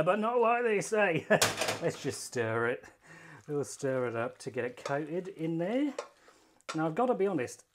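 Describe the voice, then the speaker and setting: A man's voice: on the high side, slight background noise. A young British man in a home kitchen, chatty and self-mocking, swearing and using slang while he cooks. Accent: British English. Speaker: cooking vlogger. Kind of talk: casual cooking review. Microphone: phone camera filming hands.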